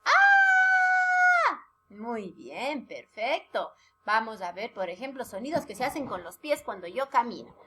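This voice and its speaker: A woman teaching young children in a recorded lesson, talking in an animated, sing-song way and often checking that they follow along. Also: mid-range voice, moderate pace, few pauses, raised voice, a little hiss or hum. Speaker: preschool teacher.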